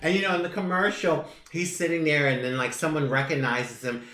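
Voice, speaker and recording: A woman's voice: deep voice, steady tone, a little fast, a bit bright, echoey room. A woman hosting a casual talk show, playful and giggly with a flirtatious streak. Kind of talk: casual chat.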